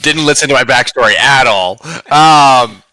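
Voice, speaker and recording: A man's voice: medium pitch, normal speed, sharp tone. A hungover man casually recapping the last tabletop session in a rambling, joking way full of fillers.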